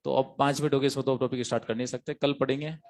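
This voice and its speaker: A man's voice: medium pitch, flat delivery, very fast, darkish tone. A man teaching biology to exam students, an emphatic lecturer who repeats key phrases and quizzes his class.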